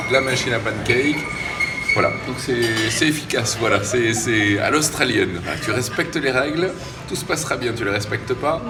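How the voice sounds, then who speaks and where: A man from France presenting a travel vlog, talking casually to the camera and addressing his viewers. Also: mid-range voice. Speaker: family travel vlogger.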